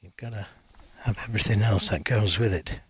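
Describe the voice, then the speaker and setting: A man giving hushed live snooker commentary in a measured, analytical and understated way. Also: fairly low pitch, slightly rough.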